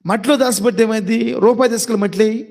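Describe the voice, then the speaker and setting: A man with a high voice preaching a sermon. He fires off rhetorical questions and repeats them, slowing down to stress key words. He speaks to his listeners directly and fondly. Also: creaky, a little mellow.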